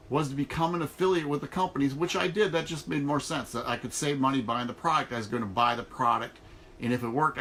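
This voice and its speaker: In an RV trailer with noticeable background noise, a middle-aged online network marketer delivers a folksy, motivational vlog, speaking casually but emphatically. His voice is medium-pitched, pushed and bright.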